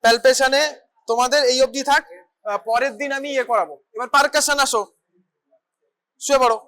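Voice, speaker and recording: A clinical teacher giving a hands-on bedside demonstration, briskly instructing students step by step as they practise an examination. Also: high-pitched, fairly bright tone. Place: hospital teaching ward.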